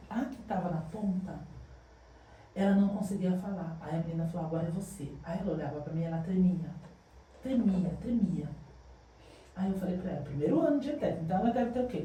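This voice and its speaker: A woman's voice: on the low side, a little hiss or hum. A woman, a school director telling stories in a casual podcast chat and acting out the dialogue. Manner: animated, acts out dialogue in her stories. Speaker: guest, public school director. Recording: echoey room, distant mic.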